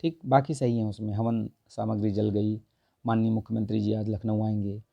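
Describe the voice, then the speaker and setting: A man with a hoarse, strained throat teaching a Hindi grammar lesson for an exam, going through test answers and repeating "okay" often. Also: fairly low pitch, level tone, moderate pace, no room sound, lo-fi sound. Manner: repeats "theek hai" constantly, corrects answers with mild humor.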